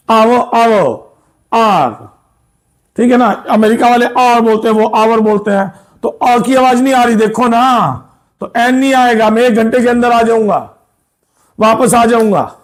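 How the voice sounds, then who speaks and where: High-voiced man teaching a grammar lesson. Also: steady tone, normal speed. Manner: explains patiently, repeats points and checks understanding. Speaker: school English teacher.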